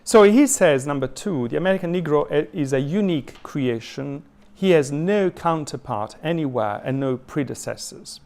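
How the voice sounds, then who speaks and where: Reading and unpacking quotations in an adult education lecture, a man from southern Italy with an Italian accent speaks in a slightly high, animated voice with a darkish tone. He is thoughtful, often pausing with fillers and starting his sentences over.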